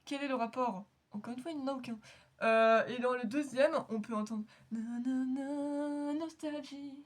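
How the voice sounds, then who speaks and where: A woman's voice: fairly high pitch, fairly quick. A woman hosting an anime reaction video, chatting casually in a rambling, giggly, self-mocking way. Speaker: anime reaction channel host.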